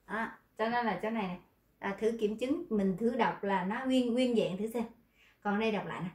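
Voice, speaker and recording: Lively woman teacher in an echoey room. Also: fairly high pitch. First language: Vietnamese. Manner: lively, switches between explaining and slow model readings. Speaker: Korean language teacher. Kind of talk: online class teaching pronunciation.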